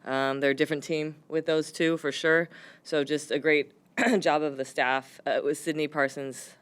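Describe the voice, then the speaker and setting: A woman head coach answering post-game press questions, her voice hoarse from yelling, speaking candidly with lots of fillers. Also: low voice, steady tone, moderate pace. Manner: candid, rambling with frequent fillers.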